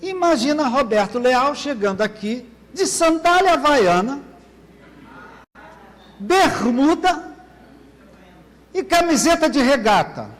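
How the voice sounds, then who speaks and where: Speaking slowly with long pauses, a pastor with an extremely high, sing-song voice gives a sermon in church. "Amém, querido?" he asks the congregation often, looking for an amen, while long church reverb fills the space.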